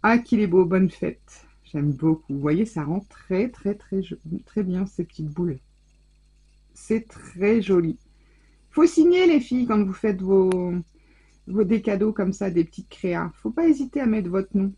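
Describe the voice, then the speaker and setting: A woman scrapbooking vlogger chats casually through an unboxing, exclaiming over every little thing. Her voice is mellow and warm, with a soft huskiness. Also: mid-range voice, lively intonation, a little slow, husky, low-quality recording. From France. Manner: gushing, chatty, exclaims over each item.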